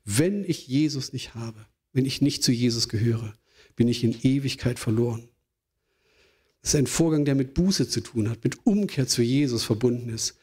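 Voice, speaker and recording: A man's voice: mid-range voice, moderate pace, dark tone, breathy edge. A man from Germany, a pastor, giving an earnest sermon with rhetorical questions.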